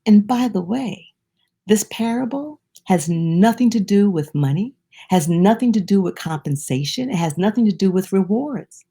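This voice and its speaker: A woman giving an inspirational devotional talk, retelling a parable in a lively storytelling way, with frequent restarts and personal asides. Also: fairly low pitch, husky. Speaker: inspirational speaker.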